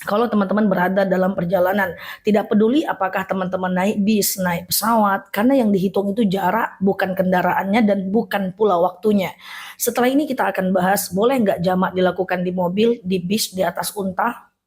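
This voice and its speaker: A woman with a soft, breathy voice teaches a casual religious lesson. She explains each step patiently and checks in often with a friendly "okay?". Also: mid-range voice, steady tone, fairly quick.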